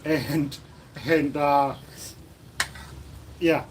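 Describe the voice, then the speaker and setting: Chatty New Zealand man, high voice. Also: little pitch movement, drawn-out words, slight background noise. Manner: rambling, chatty with fillers and restarts. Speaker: livestream host. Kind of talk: casual livestream chat. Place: indoors at a lunch table in the Philippines.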